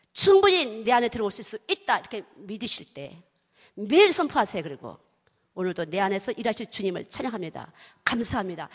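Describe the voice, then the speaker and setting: A middle-aged woman preaching with great emphasis, her voice leaping across a wide range. She drops to hushed whispers, then rises to ringing calls. Her voice rings out in a long-reverb hall. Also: fairly high pitch. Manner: emphatic, swings from loud exclamations to hushed whispers. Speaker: children's missionary preaching. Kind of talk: sermon.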